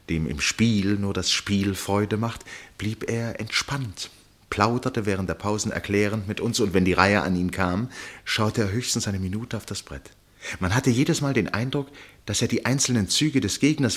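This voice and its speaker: Male narrator for a radio play, really low husky voice, measured and full of suspense. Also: fairly bright tone, exaggerated voice. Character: male first-person narrator, absorbed witness of a chess match.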